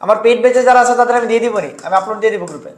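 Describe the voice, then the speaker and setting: A man's voice: high voice, rapid-fire, echoey room. A man tutoring students for a university entrance exam, drilling answers over and over and quizzing them. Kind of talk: online exam-prep lesson.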